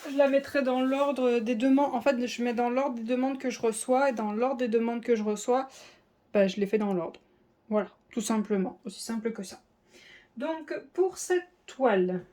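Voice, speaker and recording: A woman's voice: a little high, warm tone. A woman chatting casually through an unboxing, full of fillers and self-deprecating asides. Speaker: diamond painting vlogger.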